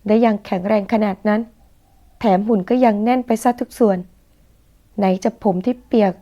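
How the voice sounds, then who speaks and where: A woman narrating a romance novel as an audiobook in a steady storytelling manner. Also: medium pitch, normal speed.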